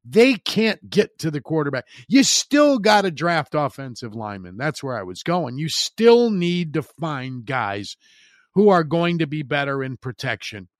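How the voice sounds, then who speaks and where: A man's voice: on the high side, big pitch swings, a little slow, dry recording, clean studio sound. A middle-aged man giving blunt, opinionated sports commentary, stressing points by repeating words.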